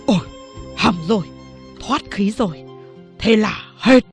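A woman voicing a gruff, scolding elderly male town chief who barks at his clerk. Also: medium pitch, slow pace, faint music behind. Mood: grave. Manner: barking, scolding.

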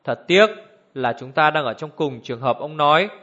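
A man reads a stern elderly judge whose voice stays cold and exact. He sits slightly high in pitch and never hurries. The recording is dull and lo-fi. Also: lively intonation, a bit bright. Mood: cold, deliberate. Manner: measured, icy authority.

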